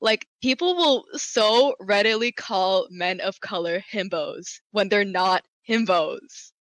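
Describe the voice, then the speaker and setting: A woman talking casually as a convention panelist, animated and laughing, with lots of "like". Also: mid-range voice, slow, no room sound.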